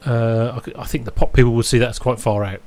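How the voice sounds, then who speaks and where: A man's voice: medium pitch, fairly even intonation, fast talker, darkish tone. A man chatting casually as a podcast co-host, rambling and interrupting himself, with dry chuckles. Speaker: podcast co-host reviewing an album. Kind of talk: casual chat.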